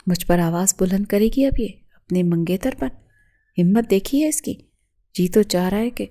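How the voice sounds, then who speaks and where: A jealous, domineering young man shouts and threatens, as a woman reads him in an audio novel. The voice stays warm and mellow even in his rage, with no real shift into a male register. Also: mid-range voice, close to an everyday voice. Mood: furious.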